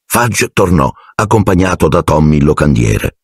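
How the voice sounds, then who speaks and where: A man narrating an audiobook in an expressive storytelling manner. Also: rumbling low, normal speed, slightly rough, no echo, clean studio sound.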